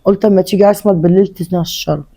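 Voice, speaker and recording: A weary, resigned older mother, played by a woman in a family drama skit. Her voice is mellow and darkish, and she talks quickly with an Egyptian accent. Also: mid-range voice, fairly even intonation, close to an everyday voice. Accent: Egyptian Arabic. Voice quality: tired, resigned.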